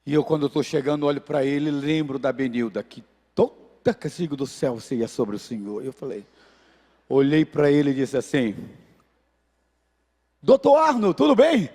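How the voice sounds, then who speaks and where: Man, pastor, Brazilian Portuguese accent, sermon storytelling, high voice, echoing church hall. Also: normal speed. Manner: animated, acts out voices in anecdotes. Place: church sanctuary.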